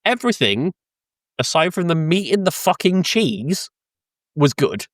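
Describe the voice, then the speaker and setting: A man from Britain, pitched on the high side, spins travel tales as a podcast co-host in casual chat, with swearing, laughs breaking into sentences and frequent ums. He speaks unhurriedly with big pitch swings. The recording is clean studio sound from a close mic, free of room sound.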